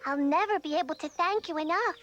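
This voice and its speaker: A woman voicing a tiny, sweet, polite young girl heroine in an animated cartoon, earnest and easily alarmed. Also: extremely high pitch, fairly quick, highs cut off. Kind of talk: animated cartoon character acting. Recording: music behind, VHS cartoon soundtrack.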